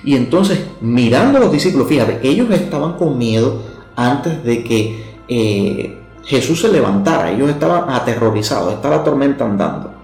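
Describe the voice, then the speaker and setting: A man's voice: mid-range voice, big pitch swings, moderate pace. A man preaching a short sermon in a conversational way, speaking straight to the listener and often asking them questions. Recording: echoey room with soft instrumental music.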